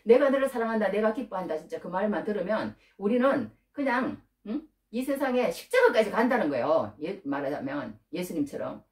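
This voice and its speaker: A woman pastor preaching a sermon, emotional and conversational, rising to high bursts. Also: a little mellow. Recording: roomy echo from far off.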